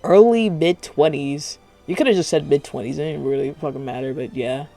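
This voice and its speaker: A man's voice: on the high side, fairly quick, creaky, mellow, faint music behind. A man streaming casual reaction commentary, rambling and profane, talking with dental retainers in late at night. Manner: rambling, profane, self-interrupting.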